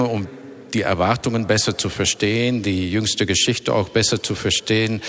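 In German with a Dutch accent, a Dutch man in his fifties gives slow, reflective interview answers, frequently pausing for words and beginning phrases again. His very low voice has a fairly bright tone, and a long reverb follows every phrase.

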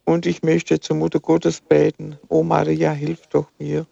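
A man's voice: fairly high pitch, monotone, a little slow, creaky, warm tone, dry recording. An older man calling in and earnestly reciting a prayer, heard through a lo-fi headset or phone line. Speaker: caller.

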